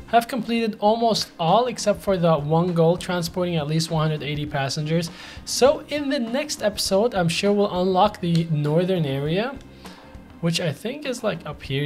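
A man giving casual gameplay commentary, excitable and chatty with the characters in his game. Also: high-pitched. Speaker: gaming YouTuber.

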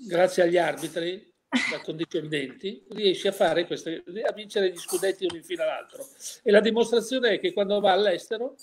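A man's voice: high voice, brisk, noisy background. An older man giving an interview, opinionated and full of rhetorical questions, often restarting his sentences. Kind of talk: casual interview.

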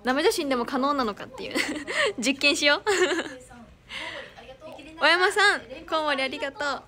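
This young woman, an idol streamer with a Kansai accent, has a high, bright, expressive voice with a forceful tone and moderate pace. Chatting casually on her live stream, she giggles often while thanking fans and reading their comments.

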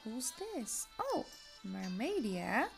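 A middle-aged woman, a mother, chatting casually while playing a video game with her daughter, often breaking into excited exclamations. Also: fairly high pitch, takes it slowly, gravelly. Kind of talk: casual gameplay chat. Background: faint game music.

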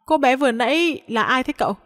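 A woman's voice: high-pitched, lively intonation, fairly bright tone, in a large hall, voice pushed up. Brief: woman voicing a cheeky young man, pushy and upbeat, audiobook read. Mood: friendly. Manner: insistent, quick teasing talk.

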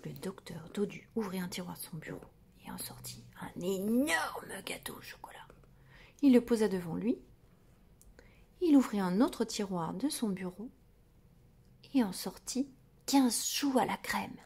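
A woman reading a children's story aloud in a soft whisper, slow and drawn-out. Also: mid-range voice, lively intonation, gravelly, slightly rough.

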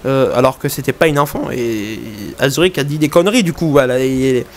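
A young man hosting a gaming channel, giving let's play commentary in a hesitant way, full of fillers and restarts, quick to laugh. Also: medium pitch, a little hiss or hum.

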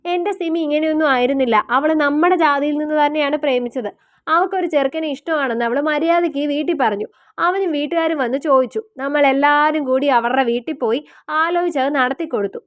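A woman voicing an older, sharp-tongued mother who scolds and defends her son. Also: high-pitched, fast talker, no echo, studio quality, natural voice. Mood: indignant. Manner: indignant, scolding.

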